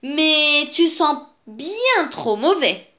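A woman voicing a pretty, clean female bear who insists and scolds in a raised, high voice for a read-aloud storybook. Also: very animated, drawn-out words, sharp tone, exaggerated voice. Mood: teasing.

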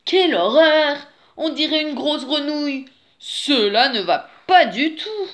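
A woman's voice: lively intonation, takes it slowly. A woman voicing a big, fussy male wolf who keeps exclaiming in exasperation. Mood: exasperated. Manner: exasperated exclaiming, high and loud.

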